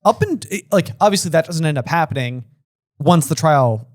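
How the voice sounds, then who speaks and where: A man's voice: a little high, expressive, normal speed, no echo, studio quality. A man co-hosting a casual book-discussion podcast, rambling and filling his talk with "like" and restarts. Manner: rambling, heavy use of "like", restarts. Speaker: podcast co-host.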